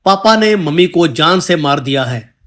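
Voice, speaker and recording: A man's voice: fairly high pitch, lively intonation, moderate pace, a bit bright. A man voicing a weeping little girl who pleads for help, read out in a story narration. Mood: grieving.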